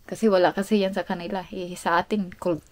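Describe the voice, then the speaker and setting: A woman from the Philippines, a vlogger chatting to her viewers and telling a story about her family. She talks in a chatty, animated way, laughs often and mixes in English. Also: lowish voice, fairly quick.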